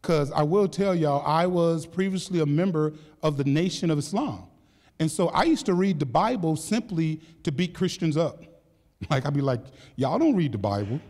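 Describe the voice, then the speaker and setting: A man's voice: fairly high pitch, normal speed, a little mellow. An older man giving a keynote talk, telling his story animatedly, laughing and joking with the audience. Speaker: keynote speaker. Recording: echoey hall reverb.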